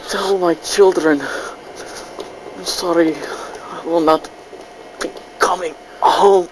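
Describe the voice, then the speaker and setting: A man acts out a wounded camp prisoner in a drama, gasping and halting as he slowly fades. He is gentle and resigned, his voice somewhat high for a man. The recording has a clear layer of noise. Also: steady tone. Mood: dying, resigned. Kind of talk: dramatic acting. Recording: noisy recording with background hum.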